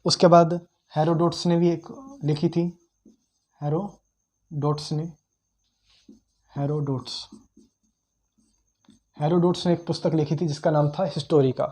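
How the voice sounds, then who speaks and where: A young man teaches history in a relaxed, conversational way. His voice sits a little high but has a mellow, warm tone. He repeats key names for emphasis and often stops with "uh" while he searches his memory. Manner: conversational, repeats key terms, frequent "uh" pauses while recalling. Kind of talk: informal history lecture.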